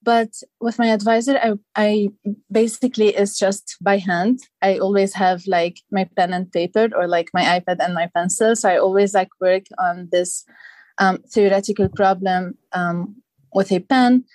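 A woman's voice: mid-range voice, fairly even intonation, moderate pace, darkish tone, no echo. A young woman from Lebanon, a guest on an interview podcast, explaining her studies thoughtfully with many fillers. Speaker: guest, PhD candidate. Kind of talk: casual interview.

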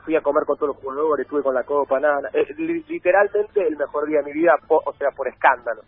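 Man, Argentine accent, husky, rambling storyteller, guest in a casual chat, dry tinny sound. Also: on the high side, big pitch swings, fast, dry recording. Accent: Argentine Spanish. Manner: rambling anecdotes with many restarts.

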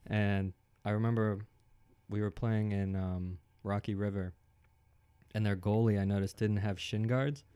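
A young man in casual chat, telling a story in a relaxed, rambling way with lots of fillers. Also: on the low side, a little slow, smooth.

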